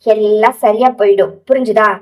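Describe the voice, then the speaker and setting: A woman voicing a young male hero in a romance story, tender but gruff, scolding with endearments. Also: medium pitch, steady tone, normal speed, distant mic, natural voice, rough recording. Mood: soothing.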